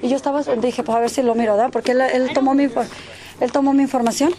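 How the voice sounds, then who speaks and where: Woman neighbor telling what happened, keeps quoting people, throws in english words, soft mellow tone. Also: high-pitched, steady tone, fast talker. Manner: rambling retelling, acting out quoted speech; mixes English words into Spanish. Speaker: neighbor giving a witness account; mother. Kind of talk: casual spoken account, interviewed.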